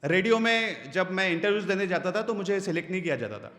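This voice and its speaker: A man running a voice-over workshop at a meetup, often acting out short example lines to show different tones. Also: fast. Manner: animated, swings pitch and volume widely. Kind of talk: live workshop talk. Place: hall at a creators' meetup. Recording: echoey hall, long reverb.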